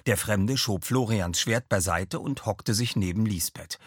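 A man reading a fantasy story aloud in expressive scripted narration. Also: on the low side, a little slow, slightly rough, no echo, studio quality. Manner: expressive storytelling, slips into character voices. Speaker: audiobook narrator.

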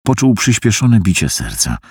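Deep, husky male audiobook narrator. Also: wildly swooping pitch, moderate pace, no echo, studio quality. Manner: acts out tense dialogue with shifting pitch. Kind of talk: dramatic audiobook reading.

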